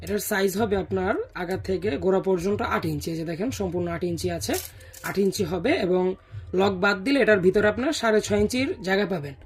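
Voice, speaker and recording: A seller with a husky voice giving a casual, explanatory product demonstration and often checking in with listeners. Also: medium pitch, brisk. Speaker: product seller presenting a sales video.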